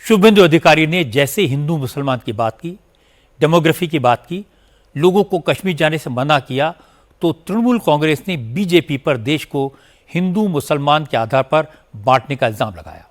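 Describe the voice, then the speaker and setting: A male news anchor delivers scripted narration in a steady, formal manner. His voice sits a little higher than most men's, and he reads from a studio mic. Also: normal speed.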